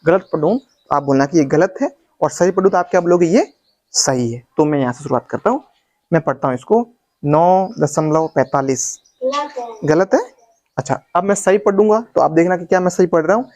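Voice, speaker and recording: A man's voice: high-pitched, expressive, fast talker, darkish tone, dry recording. A male teacher giving a recorded lesson, patiently repeating each point and checking that students follow, mixing in English terms. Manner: mixes Hindi with English terms. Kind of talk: classroom lesson video.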